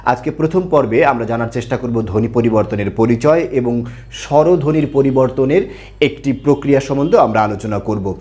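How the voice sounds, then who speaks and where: A man's voice: medium pitch, brisk, warm tone. A man teaching an online grammar class, who asks questions and answers them himself and repeats key points. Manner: repeats key points, tells listeners to pay attention.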